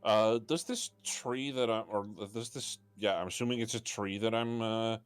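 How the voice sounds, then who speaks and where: A man playing a tabletop role-playing game, describing his character's actions in a halting way, often stopping to find words. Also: lowish voice, clear, resonant tone. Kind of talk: casual in-character play description.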